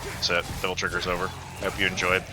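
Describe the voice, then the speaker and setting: A man's voice: low-pitched, completely flat delivery, fast. A man giving casual let's-play commentary, joking and swearing in slangy speech over game music. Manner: profane, jokey, slangy. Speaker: gamer playing and commentating.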